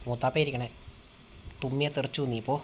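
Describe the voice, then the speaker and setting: A man live-streams a role-play game, bantering casually in a teasing, confrontational way and often repeating words in quick bursts. His voice is mid-range and flat, and there is slight background noise.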